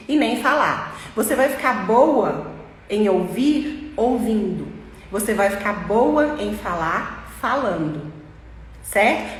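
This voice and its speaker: Brazilian woman teaching in an echoey room. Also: a little high. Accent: Brazilian Portuguese. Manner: patient, explains step by step, repeats key points. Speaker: English teacher. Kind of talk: informal online English lesson. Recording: echoey room with long reverb and faint ambience.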